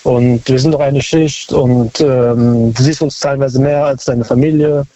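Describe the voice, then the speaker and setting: A man's voice: mid-range voice, steady tone, unhurried, warm tone. Young man calling in over a dull phone line. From Germany, near Cologne. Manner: hesitant, many fillers and restarts. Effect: voice heard over a phone line. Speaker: caller. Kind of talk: call-in radio chat.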